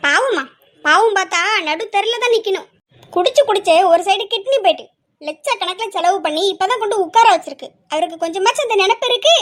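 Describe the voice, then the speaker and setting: Lady playing a nagging mom, super high squeaky voice, ranting nonstop at grandpa. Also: animated, fast. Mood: bitter. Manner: scolding, ranting, sharp rhetorical questions. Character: fierce, nagging middle-aged mother, bitter scold. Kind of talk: homemade family skit acting.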